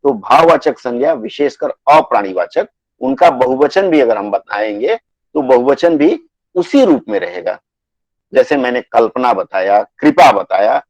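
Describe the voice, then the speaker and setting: In a low-quality recording without echo, a mid-range-voiced man runs an online Hindi grammar lesson. He repeats the rules with patience and reads out word lists at a slow pace.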